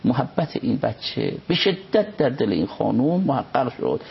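A man, a religious scholar, reciting Arabic passages and explaining them in an unhurried conversational commentary. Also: mid-range voice, big pitch swings, creaky, slightly rough. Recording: dull lo-fi recording.

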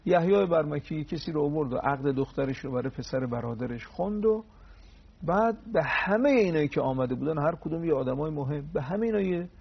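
Guy on a tv religion show telling old stories, raspy voice, kinda muffled lo-fi sound. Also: on the high side, expressive. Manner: tells anecdotes with quoted dialogue and pious honorifics. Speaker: religious speaker on a TV program. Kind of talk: storytelling religious talk.

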